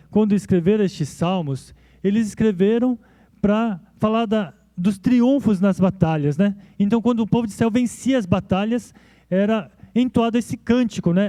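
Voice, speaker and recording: A male pastor preaching a sermon in a relaxed, conversational way, often checking in with his listeners. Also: sits high, dry recording. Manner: conversational, frequent "né?" tags and restarts. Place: church.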